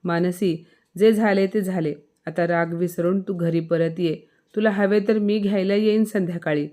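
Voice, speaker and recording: A woman's voice: on the low side, steady tone, normal speed, mellow, lightly acted. A woman voicing a hurt, angry young husband in a spoken story.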